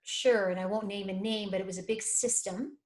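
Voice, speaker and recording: A woman, a life and career coach telling stories in an interview, animated and acting out the voices of people she quotes. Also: mid-range voice, a little fast. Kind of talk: conversational interview storytelling.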